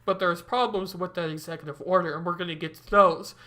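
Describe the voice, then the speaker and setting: A man's voice: high voice, steady tone, quick pace, bright, forceful tone. A man hosting a livestream, talking casually and rambling between clips. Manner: rambling, loose, many fillers. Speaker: show host.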